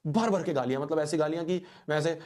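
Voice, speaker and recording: A young man, a teacher, telling a playful story to students in a lively way and talking straight to his audience. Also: a little high, quick pace.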